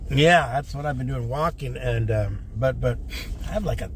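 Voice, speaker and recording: Casting: man, rambling livestream chat from the driver's seat, mid-pitched, steady road noise behind. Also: moderate pace. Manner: rambling, talks to chat viewers by name. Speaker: vlogger, teacher. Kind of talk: casual livestream chat while driving. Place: inside a car. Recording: car interior with road noise. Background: car and traffic noise.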